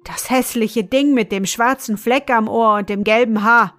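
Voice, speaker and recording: A woman's voice: fairly high pitch, steady tone, normal speed, fairly bright tone, faint music behind, lightly acted. A woman voicing a young boy under a wizard's spell, speaking up eagerly in a fairy tale. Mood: defiant.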